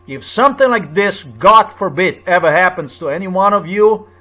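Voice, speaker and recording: A man's voice: high-pitched, animated, normal speed, sharp tone. A man from Slovenia with a Slovenian accent, speaking to camera in an insistent, repetitive, lecturing monologue. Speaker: video blogger.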